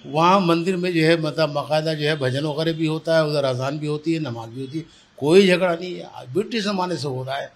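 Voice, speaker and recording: An older man answers news interview questions in a small indoor office, explaining his position and repeating words for emphasis. His voice is fairly high and a little fast. A reporter's handheld microphone is held close, and the recording is clear with background room noise.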